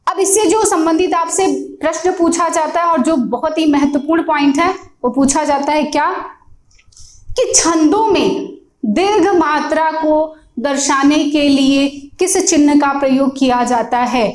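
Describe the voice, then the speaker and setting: A woman teaching a grammar lesson, patiently explaining with examples and often pausing to check that you follow. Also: sits high, roomy sound. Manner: patient, repeats points, often checks with "theek hai".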